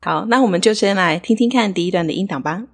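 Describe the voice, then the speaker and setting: A woman who co-hosts a podcast and speaks Taiwanese Mandarin, explaining English words slowly and clearly in a casual lesson. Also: mid-range voice. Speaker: podcast co-host teaching English.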